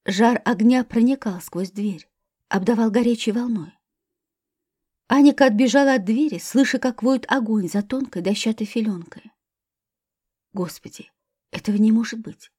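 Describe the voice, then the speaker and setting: Woman narrator, audiobook thriller, tense measured reading, husky, warm dark tone. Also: a little high, no room sound, studio quality.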